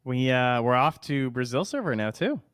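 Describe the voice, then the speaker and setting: Relaxed man analyzing esports. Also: mid-range voice, normal speed, clean tone, dry recording, studio quality. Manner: relaxed, explanatory, laughs easily. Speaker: esports caster. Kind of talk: live esports commentary and analysis.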